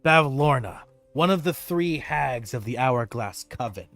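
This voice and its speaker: A man's voice: mid-range voice, lively intonation, a little slow, vocal fry, soft background music. A man working as game master, improvising narration for a tabletop role-playing game.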